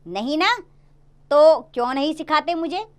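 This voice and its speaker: A woman's voice: high voice, lively intonation, unhurried, pitched above the performer's own voice. A woman doing an eager, pleading little girl.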